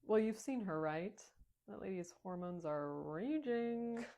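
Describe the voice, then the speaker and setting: A woman's voice: medium pitch, expressive, a little slow, dark tone. A woman playing a fawning principal who gushes in a chummy way. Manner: gushing, chummy.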